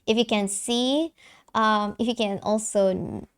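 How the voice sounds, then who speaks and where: A young woman streamer with a light soprano voice chats casually on a live stream and giggles, with plenty of fillers and restarts. Her voice sits mid-range, smooth and fairly even in intonation, moving a little slowly.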